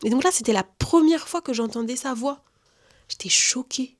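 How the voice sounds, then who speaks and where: Here a young woman from France tells a personal story in a loose, slangy way and keeps slipping into quoted voices. Her voice sits a little high for a woman, and she keeps a casual, chatty flow. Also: a little fast, a little mellow. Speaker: vlogger giving testimony.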